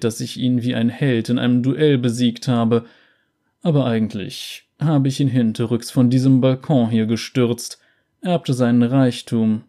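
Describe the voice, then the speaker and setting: A man's voice: medium pitch, warm tone, close to an everyday voice. A man voicing a vain nobleman who boasts in a self-satisfied way.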